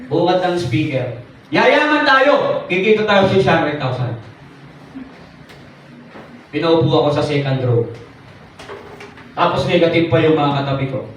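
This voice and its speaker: In an echoey event hall, recorded by a distant mic, a young man gives his testimony as a comic personal story. He teases the listeners with questions, his voice high, with a little hiss or hum in the audio.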